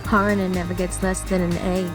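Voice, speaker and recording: A woman voicing a casual, friendly teenage schoolgirl in a relaxed, breezy way. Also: on the low side, fairly quick, close to an everyday voice. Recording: voice over background music.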